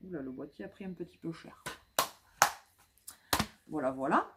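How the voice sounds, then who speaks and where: A woman's voice: deep voice, normal speed, noisy background. A woman vlogging casually about flea market finds, talking with many fillers and restarts.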